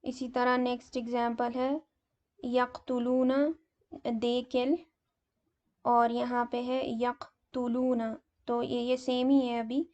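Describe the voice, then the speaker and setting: A woman teacher slowly explaining grammar, pausing often with fillers. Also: on the high side, dark tone, lo-fi sound. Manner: slow, hesitant explaining with many fillers. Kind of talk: grammar lesson in Urdu mixed with English terms.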